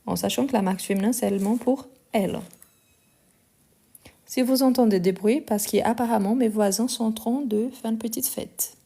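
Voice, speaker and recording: Woman French teacher with a Lyon accent, live-stream grammar lesson, mellow and warm, deliberate and explanatory. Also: a little high, creaky. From France and Brazil. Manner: explanatory, repeats forms slowly, gets indignant answering critics.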